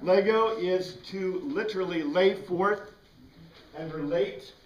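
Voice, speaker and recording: In a small classroom lined with bookshelves and a whiteboard, a middle-aged American teacher with a high voice takes his time over an informal, rambling lecture, asking the class questions. A camera across the room serves as the mic. The result is an echoey room sound, distant pickup, and background noise.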